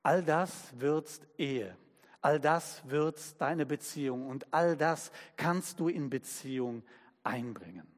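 A man preaching a sermon as pastor, slow and emphatic, using everyday examples. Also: a little high, big-room sound.

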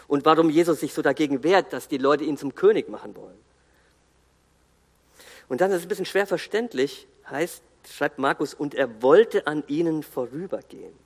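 A man preaching a sermon in an earnest, emphatic way, pausing and restarting as he builds his points. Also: a little high, breathy edge. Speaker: guest preacher. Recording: long hall reverb.

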